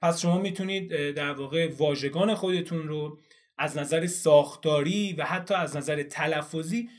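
A man teaching English in a video lesson, explaining a study method step by step and answering his own questions as he goes. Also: sits high.

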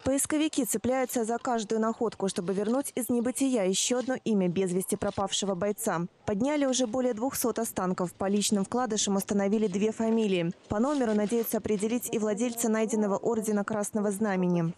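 A woman's voice: mid-range voice, a little fast, hardly any pauses, warm tone. A woman reading scripted narration as a television news reporter.

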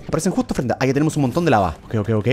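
Excitable young man gaming. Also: mid-range voice, racing, faint music behind. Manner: excitable, yelps and gasps, talks to game creatures. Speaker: gaming video host. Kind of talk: excited let's-play commentary.

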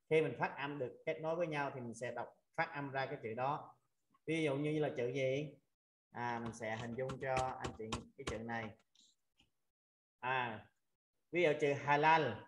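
Man, language teacher, online lesson, patient, drawn-out drilling, echoey video call audio. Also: medium pitch. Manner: patient, repetitive, drawn-out drilling of sounds with frequent "à" fillers. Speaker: Arabic teacher.

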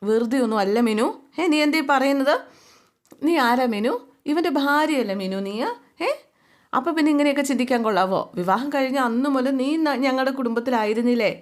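A firm older mother-in-law, as a woman narrator puts her on lectures the young wife in a higher, brisker voice. Her scolding turns into motherly fussing. It is told as part of a spoken retelling of a serial. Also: close to an everyday voice.

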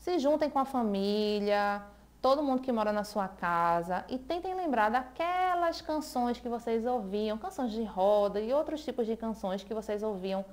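A woman teacher with a Brazilian accent giving a televised lesson to adults, speaking deliberately and spelling words out letter by letter. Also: fairly high pitch.

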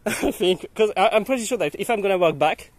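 A young man whose first language is French hikes up a dirt hillside path, filming on a handheld camera while he walks and chatting in a relaxed, giggly, coaxing way with lots of laughter. His voice sits high and is animated at a moderate pace, and the recording is dry.

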